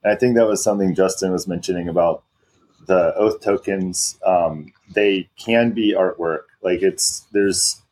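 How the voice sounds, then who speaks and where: A man with a very deep, husky voice works through technical points as he talks, in a relaxed podcast chat. His sentences restart as he thinks. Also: unhurried, rough recording. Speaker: crypto podcast co-host. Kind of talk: casual chat.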